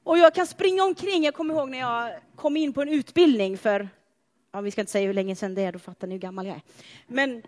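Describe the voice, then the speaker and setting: High-voiced woman preaching in a reverberant church. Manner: animated, chatty storytelling with playful asides to the congregation. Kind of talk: sermon.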